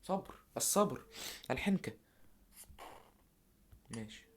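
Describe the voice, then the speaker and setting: Young man, Egyptian accent, gameplay commentary, muttering, medium pitch. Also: very animated, unhurried, a little hiss or hum. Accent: Egyptian Arabic. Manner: muttering to himself, with sudden yelling bursts. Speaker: gamer streamer.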